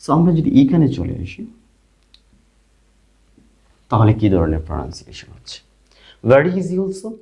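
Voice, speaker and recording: A man teaching an English spelling and sound lesson online, asking questions and answering them himself, repeating each sound slowly. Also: fairly low pitch, sing-song, vocal fry, mellow. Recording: dull lo-fi recording.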